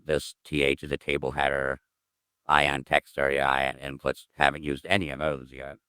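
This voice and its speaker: A man's voice: very deep voice, little pitch movement, normal speed, bright, forceful tone, clean tone, no echo, clean studio sound. A man thinking aloud as he works through code, muttering, humming and trailing off as he goes. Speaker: programmer streaming his coding work. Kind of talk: casual think-aloud coding session.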